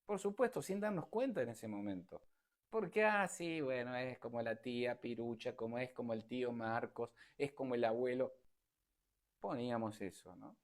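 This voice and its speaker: Speaking at normal speed in a mid-range voice, a man gives an informal online lecture over a video call. His delivery is conversational, emphatic and repetitive.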